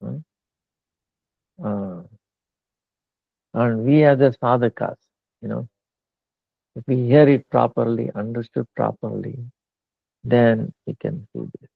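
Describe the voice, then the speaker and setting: A man giving a slow devotional discourse, pausing often with fillers. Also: medium pitch, vocal fry, husky, no room sound. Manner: slow halting talk with many fillers. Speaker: spiritual teacher. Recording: tinny phone-like line.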